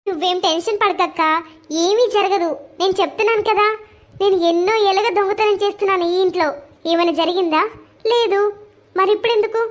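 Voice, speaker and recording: A woman's voice: very high voice, fairly quick. A woman voicing a sly young daughter-in-law in a cartoon story who schemes and talks smugly. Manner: smug, conspiratorial.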